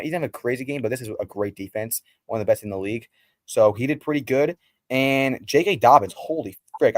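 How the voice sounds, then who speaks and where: Fast-talking young man ranting about football. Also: medium pitch, no echo. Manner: fast, excitable, slangy ranting. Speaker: podcast host. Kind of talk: casual sports chat.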